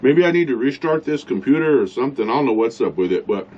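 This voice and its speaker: Man, casual rambling vlogger, blunt opinions, mid pitch, muffled lo-fi sound. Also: lively intonation, fast talker, a little mellow, a little hiss or hum. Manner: rambling, blunt, eating while talking. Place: inside a truck at a campsite.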